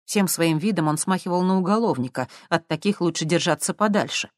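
An audiobook narrator reading in a steady, even storytelling manner. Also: mid-range voice, brisk, no echo, studio quality.

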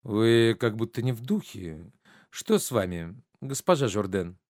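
Man playing a smooth scheming nobleman. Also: lowish voice, sing-song, unhurried, a little mellow, no echo, studio quality. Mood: courteous. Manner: polished, courteous, ingratiating.

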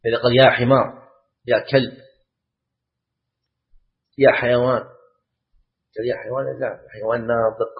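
A man teaches a class on Islamic law, going over each point more than once and quizzing his students as he goes. His voice sits at an ordinary middle pitch. The recording is dull and lo-fi. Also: level tone, moderate pace, long pauses. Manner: repeats key phrases and asks the class rhetorical questions. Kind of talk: classroom lecture explaining a text.

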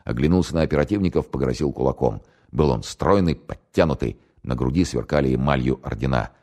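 A male narrator reads an audiobook in a measured, dramatic way. His voice is extremely deep. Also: a little mellow.

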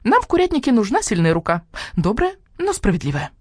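Kura Four, a shrill proud hen. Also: female voice, wildly swooping pitch, quick pace, darkish tone, no room sound, studio quality. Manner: shrill and clucking. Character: proud naive hen, shrill and easily shocked.

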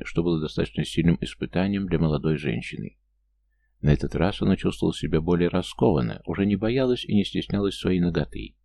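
A man reading a novel aloud as narrator in steady, measured storytelling. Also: sits low, vocal fry. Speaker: audiobook narrator. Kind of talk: scripted narration.

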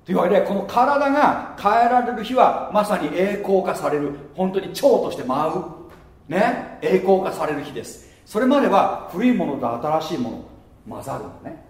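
Lively male preacher in an echoey hall. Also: high voice, moderate pace. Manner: lively, mutters mocking asides and laughs at his own jokes. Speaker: pastor. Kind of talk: sermon.

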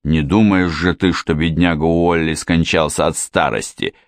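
A man voicing an irritable, blustering middle-aged father in an audiobook, speaking gruffly and snapping. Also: sits low, fairly even intonation, normal speed, dry recording, studio quality.

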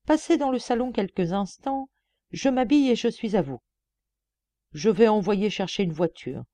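A woman voicing a dignified, stern male magistrate in a storybook reading, speaking formally and crisply. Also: mid-range voice, lively intonation, normal speed, dark tone, dry recording, voice pushed up, close to an everyday voice. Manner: formal and clipped.

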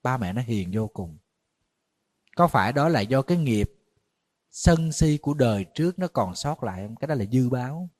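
A man, a Buddhist monk giving a conversational dharma talk, a little tired, animated when he tells stories. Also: mid-range voice, normal speed. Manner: conversational storytelling, animated when retelling shouting.

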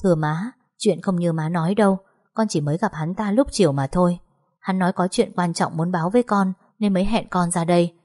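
A woman's voice: brisk, a little mellow, lightly acted. A woman voicing a frightened, indignant young wife. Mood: pleading. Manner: high, protesting.

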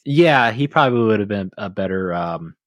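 A man's voice: on the low side, expressive, moderate pace, dry recording, clean studio sound. A man co-hosting a casual movie podcast, joking around and reading out a plot synopsis. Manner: jokey, hamming up mock accents. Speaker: podcast co-host.

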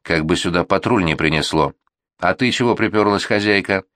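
A man reading an audiobook who voices a gruff, menacing male gang commander, growling and scornful. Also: low voice, fairly quick, fairly bright tone, dry recording, clean studio sound.

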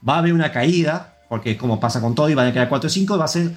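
Rambling Argentine podcast host, higher voice. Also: male voice, rapid-fire. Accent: Argentine Spanish. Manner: rambling, opinionated, filler-heavy. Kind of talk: casual chat.

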